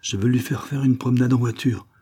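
A man with a husky voice voicing a brash, boastful young boy viscount who speaks impudently. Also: mid-range voice, steady tone, a little fast, mellow, pitched above the performer's own voice, natural voice.

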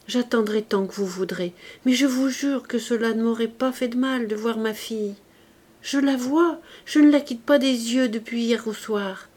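A woman voicing a frail, feverish young mother who longs to see her child, speaking higher and with eager fervor. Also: a little mellow. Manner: raised, eager, fervent delivery.

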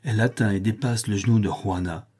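A man's voice: on the low side, steady tone, fairly quick, darkish tone, slightly rough. A man reading a novel aloud as an audiobook, in a dramatic storytelling delivery. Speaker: audiobook reader. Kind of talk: scripted narration.

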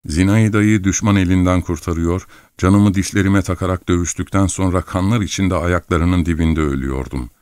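A man narrates a novel in a calm, measured manner. His voice is very low and steady. The recording is dry and close, with no room sound. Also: clean tone, no room sound. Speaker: audiobook narrator. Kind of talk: scripted narration.

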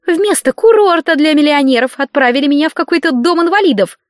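A woman reading an audiobook, voicing a demanding, scandalous older woman with a shrill, grating voice. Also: fast talker, no room sound, clean studio sound, close to an everyday voice. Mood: indignant.

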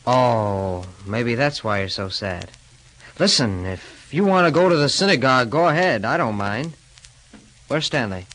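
An actor playing a brisk, insistent husband who speaks curtly and matter-of-factly, in 1930s radio drama style. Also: male voice, mid-range voice, very animated, fairly bright tone, low-quality recording. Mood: firm. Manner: curt, matter-of-fact firmness.

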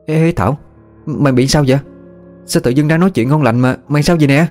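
A man voicing a boastful, scheming young village woman, showy and shrill when panicked. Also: a little fast, a little mellow, faint music behind, natural voice.

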